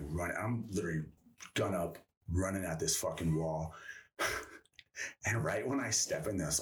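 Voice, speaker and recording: A man's voice: low-pitched, distant mic. A man in his thirties and a former soldier, telling a rambling, profane story in casual interview talk. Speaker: guest, former Green Beret.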